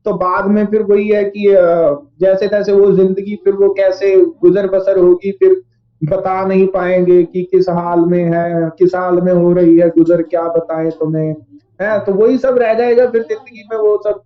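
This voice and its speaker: High-voiced Hindi motivational man, lo-fi. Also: flat delivery, measured pace. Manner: repetitive, rhythmic lists; acts out listeners' excuses in quotes. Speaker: motivational speaker. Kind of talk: motivational talk.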